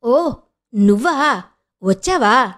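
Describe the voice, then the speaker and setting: Cautious young hero, read by a woman narrator, hushed and wary. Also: high voice, normal speed, close to an everyday voice.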